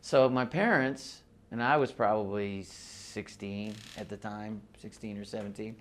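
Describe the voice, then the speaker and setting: Speaking a little slowly in a voice on the low side, with slight background noise, a man in his sixties reminisces as a musician interviewee. He grew up between the US and Mexico, and his casual oral-history stories ramble, punctuated by laughs and restarts.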